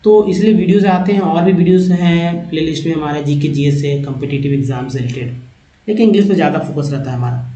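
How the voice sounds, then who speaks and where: A man with a Hindi accent teaching English reading, spelling out letters and repeating each word slowly. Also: fairly high pitch, warm tone, a little hiss or hum. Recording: echoey lo-fi room recording.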